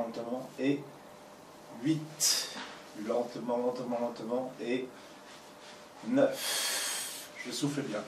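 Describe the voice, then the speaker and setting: A man's voice: medium pitch, far from the mic. Man coaching ab exercises, off-mic. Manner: counts reps while doing them, slow repeated cues. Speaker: fitness coach. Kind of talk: guided exercise instruction. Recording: roomy, off-mic with clear background noise.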